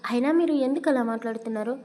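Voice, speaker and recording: A woman's voice: a little high, normal speed, a little mellow, lightly acted. A woman voicing an innocent, childlike young bride who asks wide-eyed, pleading questions. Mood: naive.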